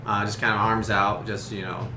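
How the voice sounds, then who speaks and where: A man narrating a tabletop role-playing game as game master, halting and searching for his words. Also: fairly low pitch, little pitch movement. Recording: roomy, echoey, noisy room recording.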